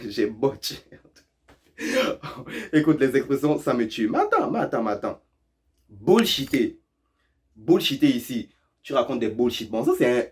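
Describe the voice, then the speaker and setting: A man's voice: medium pitch, a little mellow. A man hosting a casual lesson on local expressions, playful and teasing, who laughs often and repeats phrases for effect. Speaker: YouTube host explaining Quebec French expressions.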